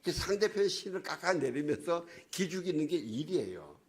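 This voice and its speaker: Man preaching with lively slangy storytelling. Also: on the high side, normal speed. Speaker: pastor. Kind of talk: sermon. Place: church.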